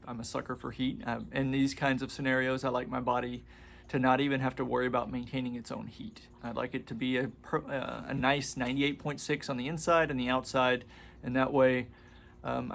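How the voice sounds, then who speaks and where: A man in his forties, a massage and meditation instructor, casually introducing a guided relaxation session in a rambling, conversational way with frequent pauses. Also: mid-range voice, gravelly, slight background noise. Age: 40s. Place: room with a padded floor mat.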